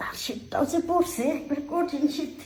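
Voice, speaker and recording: A woman's voice: high-pitched, moderate pace, a little mellow, natural voice. A woman acting a bossy, scolding village wife in a drama, with a rural Bangladeshi accent. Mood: weary. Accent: Bangladeshi rural dialect. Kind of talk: amateur short-film drama dialogue. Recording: echoey room with background noise.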